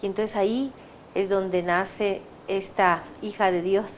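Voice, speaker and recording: A woman with a Guatemalan accent speaks as an excitable guest, laughing often and stumbling over her own words. Her voice sits at an ordinary middle pitch. A faint hiss of noise lies under the recording. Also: slow pace. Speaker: guest giving a testimony. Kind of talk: casual interview chat.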